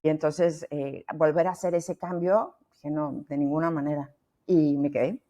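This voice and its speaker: A founder appears as a guest on a podcast interview, speaking with a Mexican Spanish accent. She's lively and talkative with many restarts, in a deep voice at a moderate pace.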